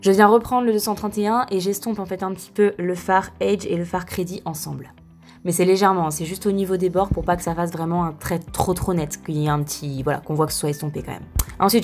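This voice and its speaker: A woman's voice: fairly low pitch, steady tone, fast, a little mellow, faint music behind. Chatty young woman narrating a makeup tutorial. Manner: chatty, with frequent fillers and self-corrections. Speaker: beauty vlogger. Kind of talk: casual makeup tutorial voice-over.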